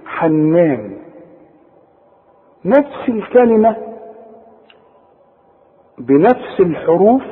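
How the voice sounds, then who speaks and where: A man with an Egyptian Arabic accent teaching Quran recitation rules, drawing out the recited words slowly and often checking that the listener follows. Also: sits high. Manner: explains slowly, then drawls recited words, asks the listener for confirmation. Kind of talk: tajweed lesson. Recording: tinny phone-like sound with long reverb.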